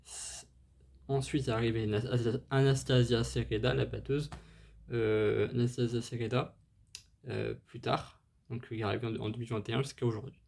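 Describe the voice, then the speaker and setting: A man's voice: mid-range voice, little pitch movement, moderate pace, creaky, darkish tone. A man hosting a music channel, presenting a band's history casually, hesitant and full of fillers, apologizing as he stumbles over foreign names, enthusiastic about the music. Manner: hesitant, many fillers and restarts.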